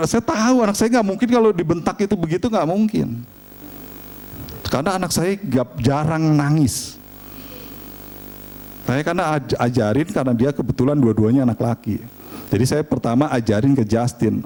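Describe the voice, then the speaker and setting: A middle-aged man, preaching a sermon and telling family stories in an animated, humorous way. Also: on the high side. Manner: animated storytelling, chatty and humorous. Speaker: pastor.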